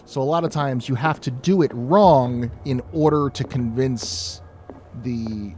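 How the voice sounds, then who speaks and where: A man's voice: mid-range voice, a little slow, darkish tone, a little hiss or hum. Rambling, swearing streamer man. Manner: rambling, profane and chatty. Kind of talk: casual gameplay commentary.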